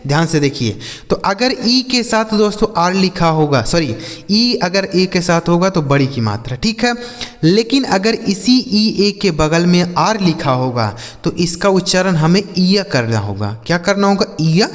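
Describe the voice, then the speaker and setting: A man teaching a spoken lesson, spelling letters out slowly and repeating questions to the viewers before answering them. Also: sits high, lively intonation, long reverb tail. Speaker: English teacher.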